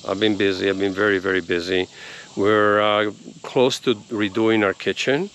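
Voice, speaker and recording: Deep-voiced man rambling outdoors. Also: steady tone, normal speed, a bit bright, slight background noise. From Italy. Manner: easygoing, rambling, with many ums and little laughs. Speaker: homesteading vlogger. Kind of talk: casual vlog talk to camera. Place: outdoors on a rural property. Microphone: phone at arm's length.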